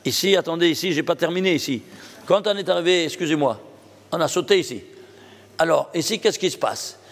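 A man's voice: on the high side, a little fast. A man, a rabbi teaching a Torah class, who poses questions and answers them himself and keeps checking that his listeners follow. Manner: checks understanding with the audience. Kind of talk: Torah lesson on numerology. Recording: long reverb of a hall.

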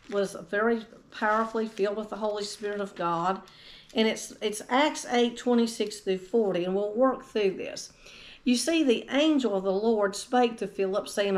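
A middle-aged woman pastor preaching a sermon, reading scripture aloud and telling her own story of faith in an earnest way. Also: medium pitch. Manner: earnest, reads scripture aloud and tells a personal testimony.

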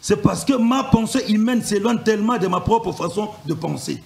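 High-voiced man quoting in an echoey room. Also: moderate pace, creaky. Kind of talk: reading and paraphrasing sermon quotations.

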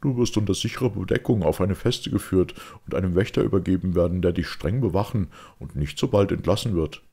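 A man voicing a warm, fatherly veteran commander in an audiobook. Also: deep voice, fairly quick, gravelly, breathy edge, voice pushed up, exaggerated voice.

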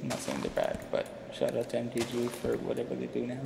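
A man's voice: mid-range voice, sing-song, fast talker, vocal fry, noisy background. A young man giving rambling, informal gameplay commentary as a YouTuber, with a slight speech impediment from wearing a retainer. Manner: rambling, informal, self-deprecating. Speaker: gaming YouTuber. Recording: roomy, echoing sound with music behind. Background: music.

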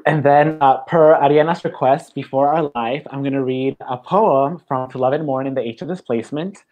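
A poet from Mexico reading their work at a live online reading, excited and laughing between poems and slipping into Spanish phrases. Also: mid-range voice, moderate pace, highs cut off, slight background noise. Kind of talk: poetry reading.

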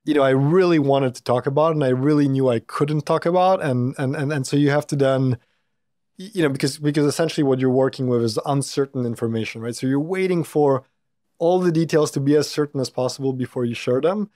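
A startup founder and CEO from Poland, a man in his thirties, joins a podcast studio interview as a guest, speaking into a boom-arm mic in a casual, thoughtful way. He often circles back with fillers and restarts and talks fairly quickly. His mid-pitched voice has a dark tone, and the sound is dry and close with no room sound.

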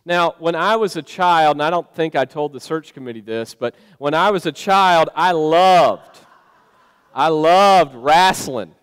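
Man preaching a casual sermon, smooth voice. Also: on the high side, moderate pace, few pauses, fairly bright tone. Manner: conversational storytelling with fillers. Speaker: pastor. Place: church sanctuary. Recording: long church reverb.

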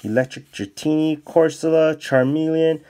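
A man casually commenting as he opens card packs off camera, bursting into high excited exclamations. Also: moderate pace. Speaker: card-opening YouTuber. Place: indoors at a desk, off camera.

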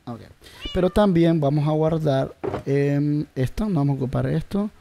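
A man's voice: a little high, moderate pace, vocal fry, warm tone, dry recording. A man giving casual gameplay commentary, talking straight to his viewers and searching aloud for words. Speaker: gameplay video creator.

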